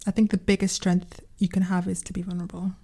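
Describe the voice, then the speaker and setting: A woman's voice: on the low side, flat delivery, quick pace, warm tone, breathy edge. Slangy woman ranting on a podcast. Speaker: podcast co-host. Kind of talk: casual podcast chat.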